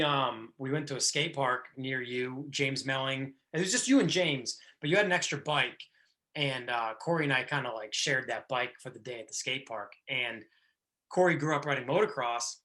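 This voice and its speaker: Bright and forceful at medium pitch, a podcast host in his thirties keeps the chat casual. He tends to ramble, frequently restarting what he's saying.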